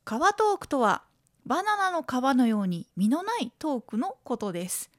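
Chatting alone on her podcast at a moderate pace, a Tokushima woman in her late 30s to 40s keeps things lively and playful, voicing quoted lines in a higher pitch. The studio-quality recording has no echo.

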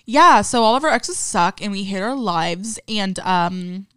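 A loud young woman on a podcast sounds tipsy and laughs a lot, swearing freely as she chats. her voice moves up and down a great deal. the recording is dry and close. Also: medium pitch, lively intonation, unhurried, smooth, no room sound. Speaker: podcast guest, comedy club worker. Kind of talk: casual tipsy podcast chat.

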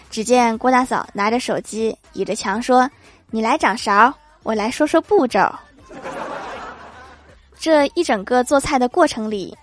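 A woman's voice: a little high, dry recording. A woman hosting a comedy podcast, reading short jokes aloud in a playful storytelling manner and chuckling at the punchlines. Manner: playful storytelling, laughing at her own punchlines. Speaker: host of a comedy joke podcast. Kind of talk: reading jokes with acted quotes.

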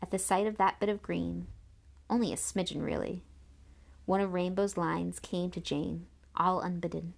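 A woman narrating a children's novel in an audiobook, with expressive storytelling. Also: on the low side, moderate pace, gravelly.

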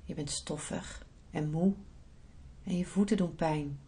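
A woman podcast host guiding a relaxation visualisation in a soft, soothing, unhurried manner. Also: low-pitched. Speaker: podcast host, breathing therapist and yoga teacher.

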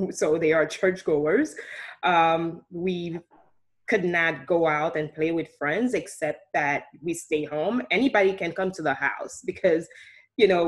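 A woman from Haiti who works as a coach answers interview questions slowly. Her voice sits a little low. She speaks softly and reflectively, pausing often. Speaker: guest, leadership coach.

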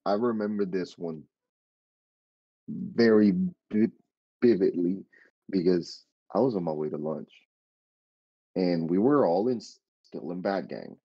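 A man's voice: low-pitched, slow pace, pauses often, husky, no room sound, lo-fi sound. A man telling a story in casual podcast chat, acting out the dialogue and swearing freely. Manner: animated retelling with quoted dialogue, swearing. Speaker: podcast guest.

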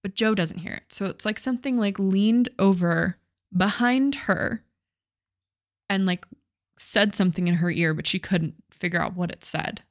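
A woman's voice: medium pitch, moderate pace, no room sound. Chatty young woman, dry close sound. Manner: casual, swears, many "like" fillers. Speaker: podcast co-host. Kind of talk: casual storytelling chat.

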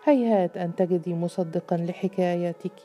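A woman's voice: lowish voice, fairly even intonation, moderate pace, dark tone, soft background music, lightly acted. A woman voicing an anxious mother in a storybook, stern and agitated. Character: anxious mother scolding her daughter.

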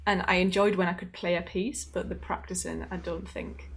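A woman's voice: on the low side, steady tone, normal speed, gravelly, husky. A woman with a Northern English accent, a podcast guest chatting casually with lots of fillers. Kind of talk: casual chat.

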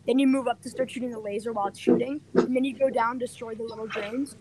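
A woman's voice: fairly high pitch, steady tone, fast, heavy background noise. A woman co-hosting a podcast in casual chat. She is emphatic and opinionated, cuts in over her co-host and lays out game strategy step by step. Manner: emphatic, opinionated, jumps in over the other speaker.

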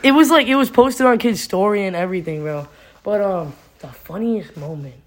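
Teasing teenage guest in casual banter. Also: male voice, high-pitched, normal speed. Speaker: podcast guest. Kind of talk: casual chat.

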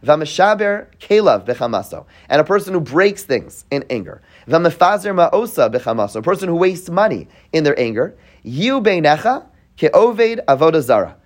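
A man's voice: fairly high pitch, big pitch swings, moderate pace. Man teaching a text, explaining aloud. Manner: reads Hebrew passages then translates and explains; frequent restarts, checks in with "right?" and "okay?". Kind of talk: classroom text study lecture. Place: classroom with listeners present.

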